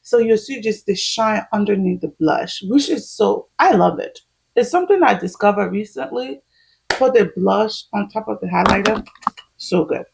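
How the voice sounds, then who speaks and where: A woman's voice: mid-range voice, lively intonation, moderate pace, gravelly, darkish tone, husky, rough recording. A woman, chatting casually at home while doing her makeup, laughing often as she explains each step. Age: 30s. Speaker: vlogger.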